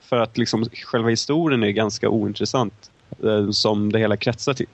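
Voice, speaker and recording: A man's voice: fairly low pitch, fairly even intonation, no echo. A young man co-hosting a casual film review chat, talking in long, winding, hesitant turns. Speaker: film podcast co-host.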